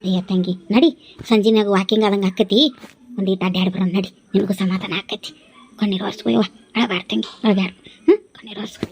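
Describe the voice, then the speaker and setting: A woman's voice: medium pitch, level tone, fairly quick, a little mellow, pitched below the performer's own voice, close to an everyday voice. A woman voicing an older motherly village woman in a cartoon, coaxing and chiding in a North Karnataka accent. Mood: soothing. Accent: North Karnataka Kannada. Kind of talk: cartoon voice acting.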